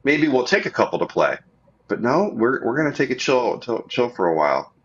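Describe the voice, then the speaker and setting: A man's voice: mid-range voice, sing-song, fairly quick, muffled recording, slight background noise. A male guest chatting on a livestream, enthusiastic and encouraging. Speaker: guest, indie game publisher. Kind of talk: casual chat.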